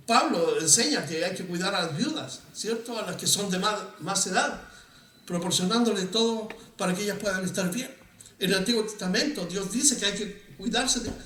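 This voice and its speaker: A man's voice: high voice, a bit bright, reverberant, recorded from a distance. A man preaching a sermon in a conversational way, often asking his congregation questions. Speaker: pastor. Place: church hall.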